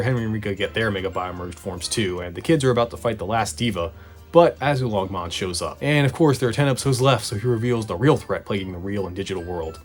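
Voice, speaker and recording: Male retrospective host, lowish and quick, sarcastic and casual, music underneath. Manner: sarcastic, conversational, swearing. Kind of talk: casual scripted recap narration. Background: background music.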